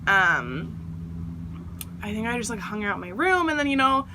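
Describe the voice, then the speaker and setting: A woman's voice: medium pitch, normal speed, background noise. A young adult woman telling a casual storytime, rambling with lots of fillers and acting out what other people said. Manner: rambling, filler-heavy, animated quoting of others. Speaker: vlogger.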